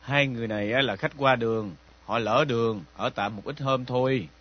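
A man playing a husky, worried father. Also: medium pitch, a little fast, natural voice. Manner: conciliatory, polite. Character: worried middle-aged father and homeowner. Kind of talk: radio drama acting. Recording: dull lo-fi recording with faint music.

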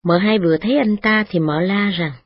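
A woman reading a story aloud in a steady, expressive way. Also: medium pitch, brisk, no echo. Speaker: narrator. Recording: dull lo-fi recording with faint music.

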